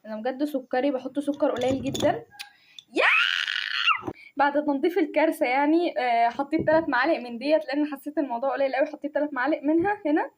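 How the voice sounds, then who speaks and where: A young woman with an Egyptian Arabic accent, chatting casually to her viewers while making coffee, self-mocking and excitable. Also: sits high, very fast, few pauses, a little hiss or hum. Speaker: vlogger. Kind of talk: casual chat to camera.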